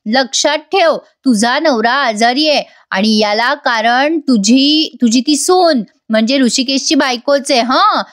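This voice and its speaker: A woman's voice: high voice, slow, few pauses. A woman voicing a stern elderly grandmother who lectures and warns. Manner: sharp, warning, lecturing.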